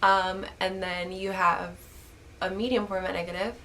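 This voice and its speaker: A woman's voice: mid-range voice, little pitch movement, measured pace, sharp tone, a little hiss or hum. A young woman with a stuffy voice, just getting over an illness, answering viewer questions about photography in a casual vlog, full of "like" and restarts. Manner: rambling, lots of "like" and restarts. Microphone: camera's built-in mic.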